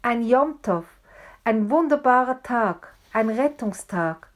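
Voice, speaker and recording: A woman telling a story in a deliberate, expressive way. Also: fairly high pitch. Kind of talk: told story.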